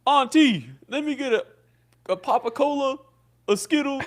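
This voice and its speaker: A man's voice: very high-pitched, moderate pace, voice pushed up. A man putting on the voice of a chatty old uncle at a family cookout, telling stories in a folksy drawl. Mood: folksy, nostalgic.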